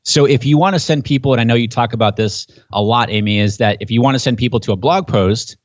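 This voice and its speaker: An enthusiastic man explains his subject as a podcast guest, talking in a loose conversational way and getting more animated as he warms up. His voice sits at an average pitch, and the sound is dry and a little dull. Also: fast, dry recording. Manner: enthusiastic, gets pumped up and animated.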